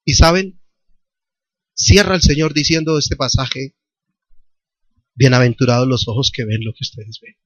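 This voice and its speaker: A man's voice: medium pitch, fairly even intonation, normal speed, long pauses, no room sound, lo-fi sound. A male pastor with a Colombian accent preaching a sermon, telling a personal story and then calling out questions to the congregation. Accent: Colombian Spanish. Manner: testimony told with quoted dialogue, rising to fervent call-and-response. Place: church hall. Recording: church recording with loud worship music.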